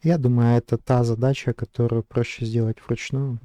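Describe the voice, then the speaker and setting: Hesitant male vlogger, very dark flat voice, dry close sound, thinks aloud. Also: mid-range voice, normal speed, no room sound. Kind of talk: casual screen-recording narration.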